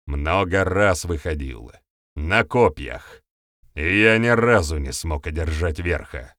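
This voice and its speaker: A cold, mocking village chief, played by a man reading aloud. He speaks unhurriedly and calmly, in a lowish voice. The sound is dry and close. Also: takes it slowly, dry recording, exaggerated voice. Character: calm, cold-blooded male village chief.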